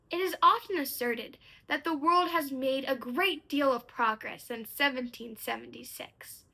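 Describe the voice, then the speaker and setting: A woman with a high-pitched voice gives a formal declamation. Her tone is bright and forceful. She speaks with precise, careful elocution, setting off key phrases with deliberate pauses. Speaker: speech contest competitor. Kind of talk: formal declamation of a historical speech.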